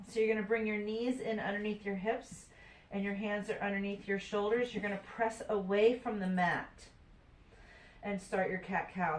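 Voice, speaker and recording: A woman yoga instructor talking a class through stretches in a calm, steady voice. Her pitch sits in the middle range. The sound bounces around a roomy, echoey space. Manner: calm, steady cueing of breath and poses.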